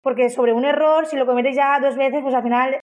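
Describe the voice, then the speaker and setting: A woman with a high voice talks in an interview about the company she runs. She is enthusiastic and keeps repeating words as she goes. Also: steady tone, a little fast. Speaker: business owner.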